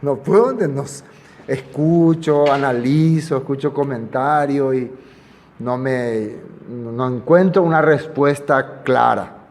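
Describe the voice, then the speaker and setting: A man's voice: mid-range voice, slow pace, a little mellow, a little hiss or hum. Man preaching in an echoey hall. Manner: conversational, asks the audience questions. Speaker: pastor. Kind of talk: expository sermon.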